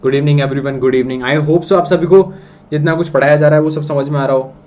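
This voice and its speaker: Indian man teaching a slow maths lecture. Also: a little high, fairly even intonation, dark tone. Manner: slow, repetitive explaining, checks in with "theek hai?". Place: room with lights out. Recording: dull lo-fi sound with faint hiss.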